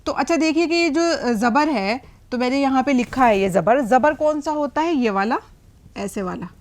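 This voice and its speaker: A woman with a notably high voice teaches at a board in an unhurried, explanatory way. She is middle-aged and keeps pausing to check that the listener is following. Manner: patient explaining, frequent checks like "hai na?" and "theek hai". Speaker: Urdu teacher. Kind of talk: whiteboard language lesson.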